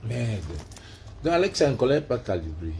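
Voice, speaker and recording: A man with an African French accent, vlogging casually as he mocks a voice assistant in loud, profane bursts. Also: medium pitch, very animated, moderate pace, gravelly, a little hiss or hum. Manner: loud, profane and mocking, switching between English and French. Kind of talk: casual vlog, heckling a voice assistant.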